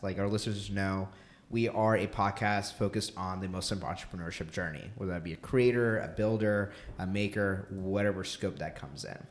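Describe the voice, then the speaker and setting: A man in his early thirties co-hosting a podcast, welcoming the guest in a laid-back, friendly way. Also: on the low side. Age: 30s. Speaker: podcast co-host. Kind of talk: casual interview talk.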